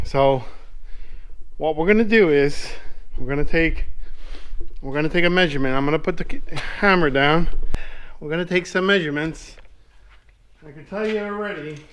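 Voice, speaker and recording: A man doing a casual vlog from his garage workshop, relaxed and explaining his fabrication work step by step. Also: a little high. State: out of breath at times. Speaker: metal fabricator. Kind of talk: casual shop vlog talk.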